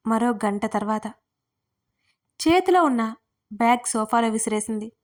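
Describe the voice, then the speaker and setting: A woman narrating a scripted audio love story in a steady storytelling manner. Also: a little high. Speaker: writer and narrator.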